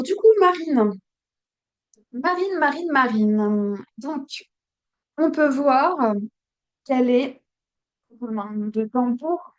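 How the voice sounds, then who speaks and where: A woman giving an unscripted tutorial, hesitant and full of fillers and restarts. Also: sits high. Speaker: human design teacher.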